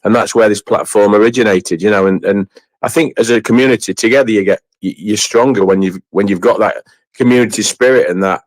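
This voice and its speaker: A man hosts a casual chat in a fairly low voice. He is effusive and rambling, often halting and doubling back on his phrases. The sound is dry, with very little room in it. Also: no room sound. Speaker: host of an online community chat.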